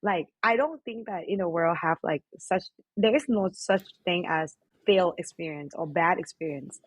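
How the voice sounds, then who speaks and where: Young Thai-accented woman, podcast co-host, slightly husky voice, easygoing chatter full of fillers. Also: fairly low pitch, moderate pace, no echo, poor audio. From Thailand. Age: young adult. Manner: chatty, laughs often, many "like" fillers. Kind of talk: casual chat.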